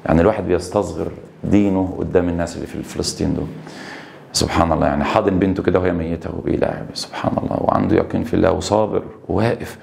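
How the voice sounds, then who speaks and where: Egyptian guy teaching english vocab, low gravelly voice, reads english slow then explains in arabic fast. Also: steady tone, darkish tone, slight background noise. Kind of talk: exam-prep lesson, translating sentences.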